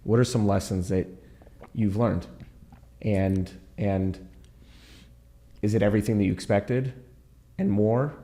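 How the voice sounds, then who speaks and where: A man's voice: on the low side, a little slow, long pauses, mellow, roomy sound. A man hosting an interview show as a rabbi, probing and stacking several questions at once. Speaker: podcast host, rabbi.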